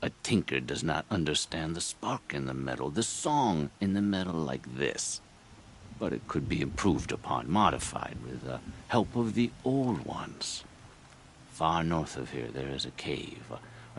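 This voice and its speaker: A very deep, gravelly mystic. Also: male voice, sing-song, a bit bright, slight background noise, exaggerated voice. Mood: cryptic, secretive. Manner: cryptic, halting, portentous. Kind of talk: video game character dialogue.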